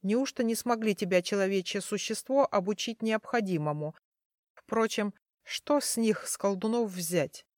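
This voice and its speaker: A woman voicing a tiny, grumpy male magical guardian spirit with a creaky voice and a sarcastic, condescending manner. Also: mid-range voice, moderate pace, darkish tone, dry recording, clean studio sound, lightly acted. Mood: grumbling.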